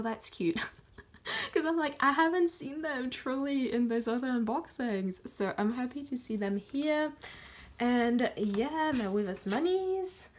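A woman chatting casually as she unboxes photocards, gushing and excitable, gasping and counting down before each pull. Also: fairly high pitch. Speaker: kpop collector vlogger.

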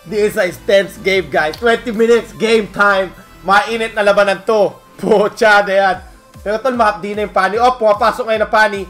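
Filipino male caster, high and sharp, shouts on big plays, Taglish banter. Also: fairly even intonation, normal speed, soft background music. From Philippines. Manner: bursts into shouting at big plays, mixes Tagalog and English. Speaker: esports caster. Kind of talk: excited play-by-play commentary.

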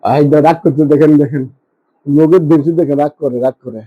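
A man's voice: a little high, steady tone, fairly quick, husky, narrow, tinny audio. A man, vlogging about his pet and coaxing his cat with repetitive, fond chatter while asking viewers to look. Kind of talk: casual pet vlog to camera.

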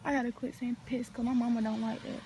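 A woman's voice: fairly high pitch, flat delivery, fast talker, background noise. A young woman in her late teens with a North Carolina accent, chatting casually and rambling into her phone outside, full of slang and side remarks. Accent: North Carolina Southern US. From North Carolina, USA. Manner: chatty, slangy, meandering asides. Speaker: vlogger. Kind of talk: casual rambling vlog chat. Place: outdoors, sitting outside. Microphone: phone camera.

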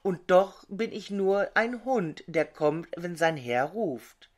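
Woman reading a weary, resigned wind from a fairy tale; slow, low and lively. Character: weary wind, an obedient servant of the sun.

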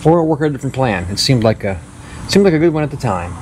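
A man's voice: medium pitch, sing-song, quick pace, noisy background. A man in his fifties hosting a hot rod vlog, talking in a dry, self-deprecating way while he works in his garage and on the roadside. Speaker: hot rod builder and channel host. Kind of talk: casual workshop vlog narration.

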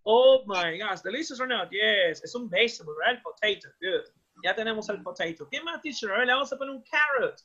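A man's voice: sits high, lively intonation, fairly quick, sharp tone. A man with a Peruvian Spanish accent teaching English to young pupils, cheerfully switching between Spanish and English and repeating words. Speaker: primary school English teacher. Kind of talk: bilingual classroom lesson. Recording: lo-fi, muffled audio.

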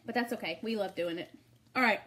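A woman's voice: mid-range voice, fast, a bit bright, a little hiss or hum. A middle-aged woman hosting a casual snack-tasting video, chatting and laughing often. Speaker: vlog host.

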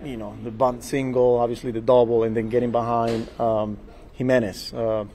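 A man in his forties, a baseball manager at a postgame press conference, speaking in a measured, halting way at a table mic in a small press room. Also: medium pitch, little pitch movement, mellow, rough recording. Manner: measured, halting, repeats words and fillers. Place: small press room before a sponsor backdrop. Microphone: table mic in front of him.

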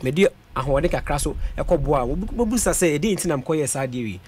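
Talking fast and animatedly, a young Ghanaian parliamentary aspirant has a slightly high voice with a darkish tone, and there's slight background noise. In a radio studio interview he blends Twi and English while rattling off vote figures at a studio mic on a boom.

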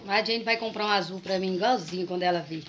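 A woman's voice: medium pitch, fast talker. Talkative Brazilian mother, noisy home recording. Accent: Brazilian Portuguese. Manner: talkative, exclaiming to viewers. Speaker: vlogger's mother. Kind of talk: casual home chat. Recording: home recording with clear background noise.

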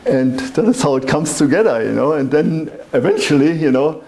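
Mellow older German-accented man, echoey room. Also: fairly high pitch, expressive, normal speed. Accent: strong German. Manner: rambling, often interjects "you know". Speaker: interviewee, wine merchant. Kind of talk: conversational oral history interview, reminiscing. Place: indoors, small wine bar. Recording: echoey room with faint background noise.

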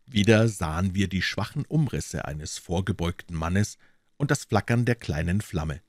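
A man narrating a classic detective story as an audiobook reader in a calm, steady way. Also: low voice, moderate pace, no room sound, studio quality.

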